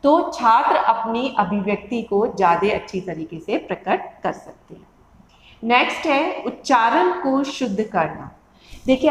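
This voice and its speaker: गूंजते कमरे में पढ़ाती महिला शिक्षिका. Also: female voice, on the high side, slight background noise. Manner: explains with everyday classroom examples, repeats key terms in Hindi and English. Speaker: teacher educator. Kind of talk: classroom lecture. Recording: echoey room.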